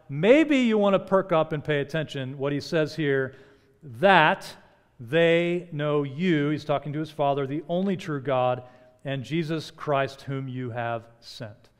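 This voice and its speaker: A man in his forties, a pastor preaching a sermon from a church stage pulpit, rising for emphasis and dropping soft and slow on key words. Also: a little high. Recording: long hall reverb.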